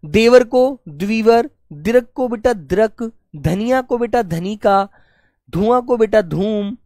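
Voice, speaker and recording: A man teaching an online Hindi class, listing word pairs in a steady drill and calling his students "beta". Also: high voice, takes it slowly, dry recording, clean studio sound. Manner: affectionate, calls students "beta"; clears throat now and then. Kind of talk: online exam-prep class.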